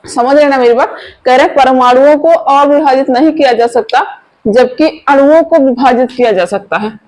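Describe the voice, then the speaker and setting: A woman teaching a chemistry lesson online, chatty and informal, often asking her viewers quick questions and coaxing them to answer. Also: high voice, darkish tone, low-quality recording.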